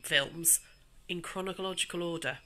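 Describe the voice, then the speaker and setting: A bright-voiced woman with a fairly low pitch, sounding a little snuffly from allergies, speaks at a moderate pace. She's a craft tutor hosting a livestream from her home dining room on her phone, chatting casually and greeting viewers by name with endearments.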